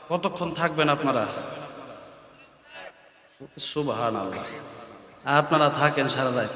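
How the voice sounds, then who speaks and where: A man's voice: on the high side, sharp tone. A man preaching a sermon in a sing-song way at a night gathering, calling out to the crowd. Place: night open-air religious gathering. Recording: echoey open-air event, long reverb.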